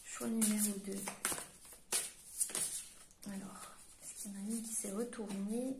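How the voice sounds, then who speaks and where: A French woman works as a medium and gives a card-reading guidance to her audience. Her delivery is halting, full of pauses and restarts as she searches for the right words. Her voice sits at an ordinary middle pitch. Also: flat delivery, noisy background. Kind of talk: tarot-style guidance reading to camera.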